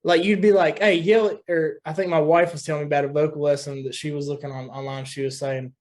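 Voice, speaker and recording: A man's voice: on the high side, level tone, quick pace, darkish tone. A young man from West Virginia, a guest musician talking loosely in a casual podcast chat, often saying dude.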